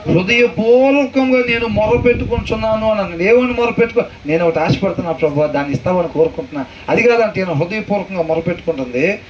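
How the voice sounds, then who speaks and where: High-voiced man preaching, heard from afar. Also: dull audio. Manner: questions the listeners, repeats verses slowly. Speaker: pastor teaching a Bible class. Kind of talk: conversational sermon with questions to the room. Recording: far from the mic, faint noise.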